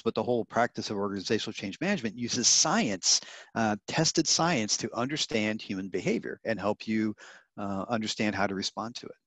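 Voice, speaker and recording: A man's voice: fairly low pitch, a bit bright, no echo. Man co-presenting a webinar, dry sound. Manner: earnest, with fillers and restarts.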